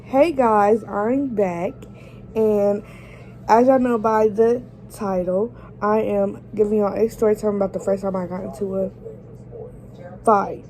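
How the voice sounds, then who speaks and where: A woman with a raspy, just-woken-up voice tells a casual story to her viewers. Her tone is mellow and low-key, and she talks chattily and straight to the camera. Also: fairly even intonation, measured pace, rough recording. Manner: chatty, addresses viewers directly. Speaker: vlogger.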